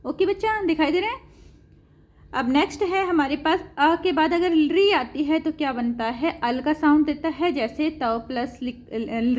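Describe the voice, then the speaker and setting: A high-voiced woman teaches a grammar lesson to school pupils. She patiently repeats each example and calls the pupils children.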